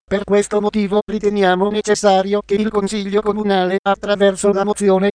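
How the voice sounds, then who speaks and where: A man's voice: high voice, darkish tone, clear, resonant tone, dry recording. A synthetic male text-to-speech voice reading a scripted news article in a formal, impersonal manner. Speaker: news reader.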